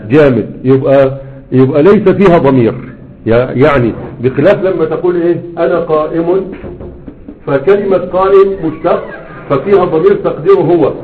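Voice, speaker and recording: Over thin, phone-like audio, a male grammar teacher with an Egyptian Arabic accent speaks a little fast in a slightly high voice. He repeats his explanations and tests students with rhetorical questions.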